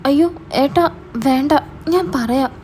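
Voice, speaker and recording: Woman playing a frightened teen sister, begging, hesitant, high and soft-toned. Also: a little slow, slight background noise. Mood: pleading. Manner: hesitant, pleading. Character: scared teenage younger sister, pleading.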